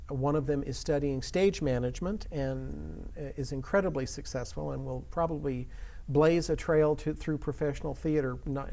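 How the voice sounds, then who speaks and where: A man's voice: on the high side, darkish tone. A man speaking as an interview guest and theater educator, earnest and emphatic in conversational answers.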